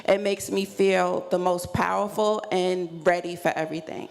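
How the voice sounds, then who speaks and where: Steady in tone, with a lowish voice at normal speed, a woman speaks as a panelist at a live event. Her talk on self-care is reflective, earnest, and affirming, recorded in a reverberant room where background noise is clearly audible.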